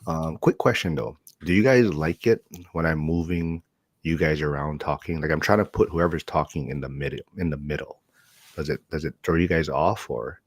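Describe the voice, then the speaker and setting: A man's voice: a bass voice, moderate pace, husky, no room sound. A man hosting a livestream in casual, conversational style. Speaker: livestream host.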